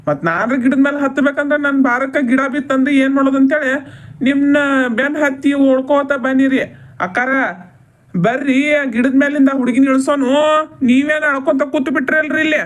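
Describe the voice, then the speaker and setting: A nervous cartoon village man, put on by a voice actor with a raised, high voice. He pleads politely and repeatedly in a North Karnataka Kannada accent. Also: fairly even intonation, brisk, close to an everyday voice. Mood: pleading. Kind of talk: cartoon comedy dubbing.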